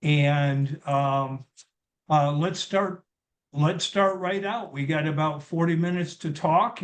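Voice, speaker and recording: A man hosts a relaxed interview over a video call. He talks slowly and in a halting way, restarting his sentences and filling pauses with "uh" and "um". His voice sits a little high for a man. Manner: halting, many fillers and restarts. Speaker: interview host.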